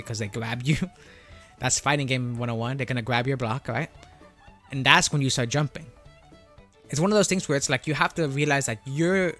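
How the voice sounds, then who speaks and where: A man's voice: mid-range voice, fairly bright tone. Man streaming through a voice changer. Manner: explanatory, often checking with "right?" and "you know?". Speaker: livestreamer answering chat about a fighting game. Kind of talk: casual gaming chat and explanation. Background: music.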